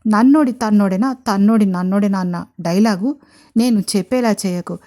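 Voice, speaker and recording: A woman's voice: mid-range voice, moderate pace, mellow, natural voice. A woman voicing a stubborn young husband who pleads and grumbles in an audio love story.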